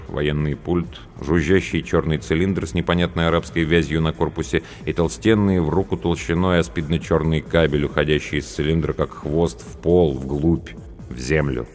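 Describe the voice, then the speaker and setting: A man narrating an audiobook in a steady, grim storytelling manner. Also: extremely low pitch. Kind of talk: audiobook reading. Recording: reverberant room, faint music behind.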